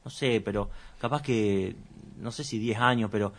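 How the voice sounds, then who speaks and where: A man's voice: lowish voice, moderate pace, fairly bright tone, breathy edge. A man, a musician guest chatting casually and rambling a little on a radio show. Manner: rambling, chatty, self-deprecating. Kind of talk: casual radio interview chat.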